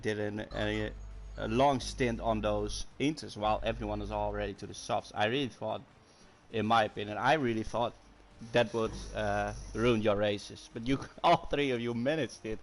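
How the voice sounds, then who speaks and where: A man commentating an online racing league, asking drivers questions in a measured, slightly halting way. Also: fairly low pitch, steady tone, a little hiss or hum. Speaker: esports commentator. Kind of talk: post-race commentary chat.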